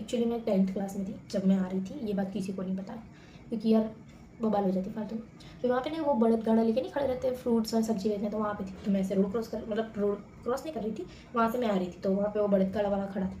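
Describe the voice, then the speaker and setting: A young woman vlogger telling stories to the camera in a chatty, animated way, often addressing her viewers as guys. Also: on the high side, echoey room, a little hiss or hum. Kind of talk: casual storytelling to camera.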